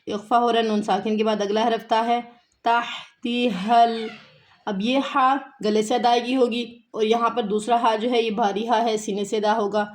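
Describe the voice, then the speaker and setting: A woman teaching a tajweed lesson, explaining rules and slowly repeating words to show how they are pronounced. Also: a little high, level tone. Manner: patient, repeats words slowly to demonstrate pronunciation. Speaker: Quran recitation teacher.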